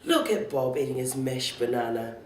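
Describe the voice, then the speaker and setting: A woman voicing a patient, weary mother who speaks in a calm, reasoning tone. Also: a bass voice, moderate pace, voice pushed down. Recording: roomy, distant library recording.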